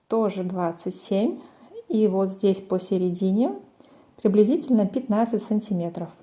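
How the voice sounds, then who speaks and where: A woman with a warm, medium-pitched voice presents a crochet tutorial, methodically explaining each step of the craft.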